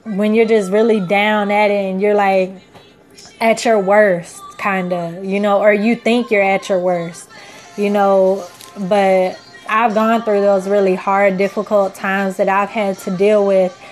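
A young woman in her twenties talks slowly through a casual self-help podcast monologue. She rambles earnestly, leaning on "you know" and "like" as she encourages the listener, with soft music playing faintly behind her. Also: medium pitch, level tone. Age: 20s. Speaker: podcast host.

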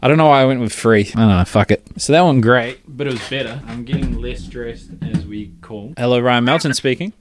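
A man's voice: mid-range voice, a little fast, hardly any pauses, background noise. A man making casual sales calls in a blokey, self-deprecating, joking way. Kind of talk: casual phone sales chat.

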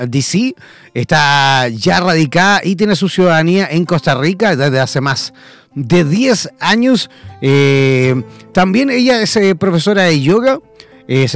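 Host of an online talk show, a man who emcees with enthusiasm and formal introductions. His voice sits high with some gravel, over faint background music.

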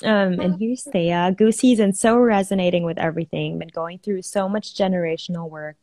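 A woman with a slightly low voice hosts a casual live chat on spirituality. She affirms her guest often and pauses with frequent ums. The sound is dry and close. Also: steady tone, dry recording. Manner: warm-hearted, affirming, many "um"s. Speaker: host of a live video chat.

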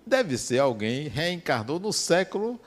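A man in his fifties, a psychologist, giving a reflective talk and telling stories from his practice in an animated way. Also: unhurried. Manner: animated storyteller, swings between soft asides and sudden high emphasis. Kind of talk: reflective talk with personal anecdotes.

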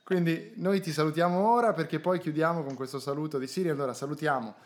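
A man's voice: fairly high pitch, fast talker. A man hosting a casual comedy podcast, teasing and joking with his friends. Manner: jokey, teasing banter. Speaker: podcast host.

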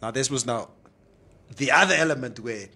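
A man's voice: medium pitch, normal speed, pushed and bright. A man hosting a casual, opinionated discussion, slipping in Afrikaans phrases. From South Africa. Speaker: talk show host.

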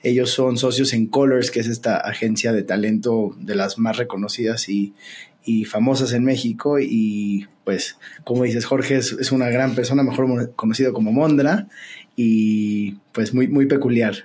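Husky-voiced male podcast host. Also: mid-range voice, steady tone, normal speed, darkish tone. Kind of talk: casual podcast conversation.

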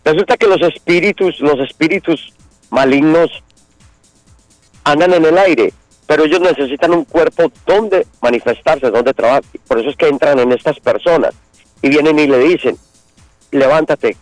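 A man's voice: a little high, normal speed, no echo, soft background music, poor audio. A man calling in to a radio show, explaining things in an earnest, preachy way. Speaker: caller. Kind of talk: religious explanation on call-in radio.

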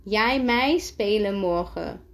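A woman voicing a shy, polite boy new to the country, speaking in halting, simple broken phrases in a read-aloud storybook. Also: fairly high pitch, darkish tone, pitched above the performer's own voice.

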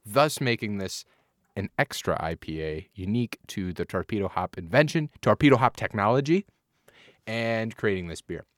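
A man with a somewhat low voice chats casually as a podcast co-host, joking and rambling as he reads out facts. The recording is dry and close, with no room sound. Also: lively intonation, normal speed, dry recording. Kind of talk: casual chat.

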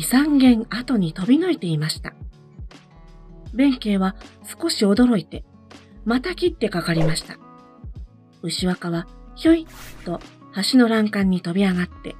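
A woman reading a folk tale aloud in a calm, measured storytelling manner. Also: medium pitch, slightly rough. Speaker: narrator.

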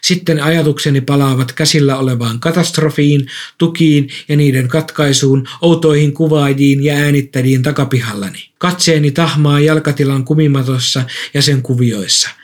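Male narrator, slightly high voice, calm measured story reading. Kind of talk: first-person story reading.

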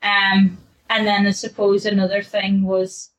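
A woman's voice: mid-range voice, monotone, measured pace, low-quality recording. A young adult woman, a newly qualified fitness coach, chatting casually on a podcast, laughing often and acting out her past self.

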